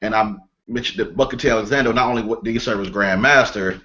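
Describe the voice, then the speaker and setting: A man's voice: fairly low pitch, fast talker, bright, forceful tone. Man thinking aloud in panel chat. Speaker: podcast co-host. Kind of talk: casual panel discussion. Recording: dull, lo-fi audio.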